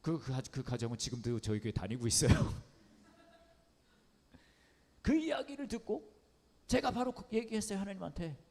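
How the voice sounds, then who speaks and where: A man preaching as a pastor, telling a funny story in a lively, comic way and repeating words for effect. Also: high-pitched, moderate pace, pauses often. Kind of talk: storytelling sermon. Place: underground church hall. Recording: long hall reverb.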